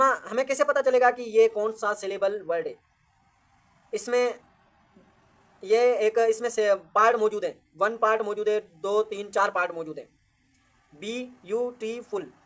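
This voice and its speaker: A woman gives a grammar lesson. She asks questions and answers them herself, and reads English definitions out slowly and deliberately. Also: fairly high pitch, a bit bright. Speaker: grammar teacher. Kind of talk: classroom-style grammar lesson.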